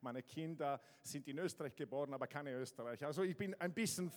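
A guest pastor from Southern Italy, speaking with an Italian accent, delivers a lively sermon to a congregation in a church hall. His voice is fairly high and he talks fast, preaching energetically but often stumbling and restarting. The large hall gives the recording a long reverb.

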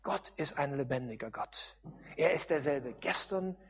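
A man giving a sermon-style testimony, telling his story with animated, sudden loud emphasis. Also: a little high, unhurried, breathy edge. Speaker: missionary speaker. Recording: dull lo-fi sound with long hall reverb.

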